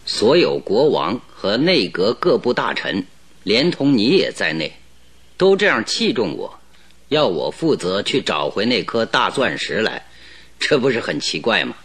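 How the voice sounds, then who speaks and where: Sherlock Holmes, sharp and questioning. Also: male voice, fairly low pitch, very animated, unhurried, slightly rough, heavily acted. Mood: puzzled. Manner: incredulous, challenging questions. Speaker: radio drama actor. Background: music bed.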